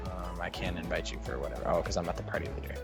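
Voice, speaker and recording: A man's voice: deep voice, little pitch movement, rapid-fire, over music. A man co-casting a live strategy game match, laid-back and full of joking banter. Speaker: esports co-caster. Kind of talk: casual live game commentary.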